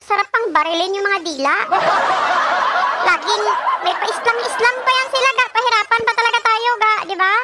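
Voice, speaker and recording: Very high-voiced chatty woman, noisy room. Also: normal speed. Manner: chatty and joking, laughs often, mixes in English. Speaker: cake decorator. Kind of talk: casual chat while decorating a cake. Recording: loud background noise.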